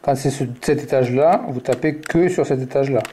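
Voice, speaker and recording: Man, tutorial presenter, mellow tone, calls out moves as he turns the puzzle, faint hiss behind. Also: medium pitch, brisk. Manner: muttering moves and colors aloud. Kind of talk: step-by-step tutorial talk.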